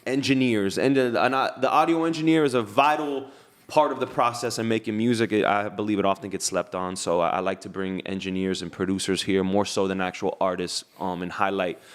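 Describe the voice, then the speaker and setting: A man's voice: fairly low pitch, steady tone, brisk. A man in his thirties hosting a podcast, talking loose and hyped with lots of slang and restarts. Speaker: podcast host. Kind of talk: casual podcast chat.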